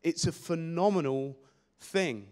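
A young man preaching a sermon on a church stage with a handheld mic, energetic and gesturing, often repeating words as he restarts phrases. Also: a little high, slow pace. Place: church stage in a large hall. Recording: long hall reverb.

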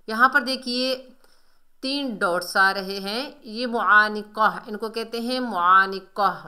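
A woman's voice: mid-range voice, bright, forceful tone. A woman teaching Quran recitation rules, patiently explaining pronunciation step by step and drawing out recited words as examples. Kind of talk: tajweed lesson explaining pronunciation.

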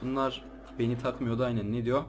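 A man's voice: mid-range voice, flat delivery, a little fast, background noise. Jumpy man narrating a horror game. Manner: jumpy, easily startled, slangy chatter to viewers. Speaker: let's play gamer. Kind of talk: casual gameplay commentary.

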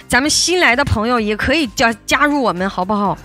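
Young woman, high bright voice, slightly hoarse, coaxing livestream host, loud music behind. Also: fairly quick. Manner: lively, coaxing, laughs often. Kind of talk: livestream chat urging viewers to send gifts. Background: loud backing music.

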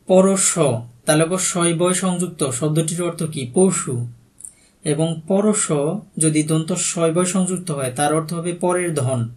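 Higher-voiced Bangladeshi male tutor. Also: measured pace, darkish tone. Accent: Bangladeshi Bengali. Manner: reads each question then gives the answer plainly. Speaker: exam prep tutor. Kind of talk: reading out quiz answers with explanations.

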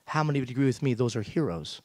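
An emphatic keynote speaker from Iran, a man with a mid-range voice and a darkish tone, speaks in an animated way at a quick pace. He is rhetorical and asks the audience questions from a large theater stage. His headset mic captures the speech with no room sound.

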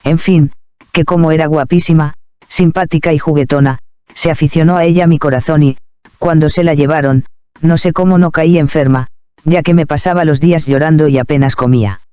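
A man calmly and reverently reading a first-person devotional memoir aloud as narrator. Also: fairly high pitch, a little fast, clear, resonant tone, no room sound.

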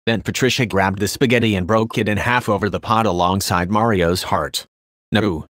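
A man narrates his own crude comic story in a flat, deadpan read. His voice sits on the low side. The recording is close and completely dry. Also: a little fast, no echo.

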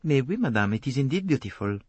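A man's voice: mid-range voice, sing-song, fast, breathy edge, no echo, pitched above the performer's own voice. A man voicing a small, polite foreign male detective who speaks formally with French phrases.

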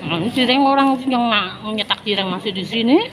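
A woman's voice: a little high, fast talker, noisy background. A woman in casual, everyday conversation. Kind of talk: casual chat. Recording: crowd chatter behind.

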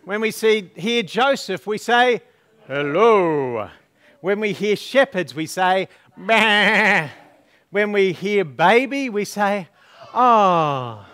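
A man pastor with a fairly high voice runs a Christmas story at a church service. He talks slowly and playfully, coaching the crowd through call-and-response prompts. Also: a bit bright. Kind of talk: leading a Christmas children's story.

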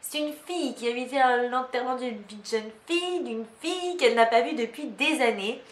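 A woman's voice: sits high, animated, fairly quick. A woman vlogger chatting casually to camera, self-mocking, with many fillers. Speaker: book vlogger. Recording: roomy echo.

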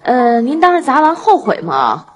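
A woman's voice: high-pitched, huge pitch swings, moderate pace, big-room sound. A woman hosting a TV talk show, asking probing, attentive questions. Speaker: host.

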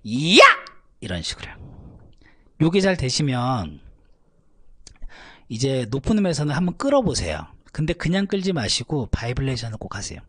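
A man teaching a vocal lesson, calmly explaining technique between high belted demonstrations. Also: fairly quick, husky, no echo. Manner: explains calmly, then belts high shouted notes. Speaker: vocal coach.

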